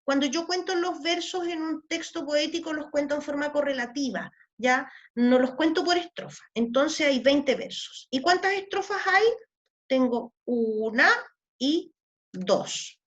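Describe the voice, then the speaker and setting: High-voiced woman teaching a class. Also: lo-fi sound. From Chile. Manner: checks in with frequent tag questions; counts out syllables and verses slowly. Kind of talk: explanatory class lesson.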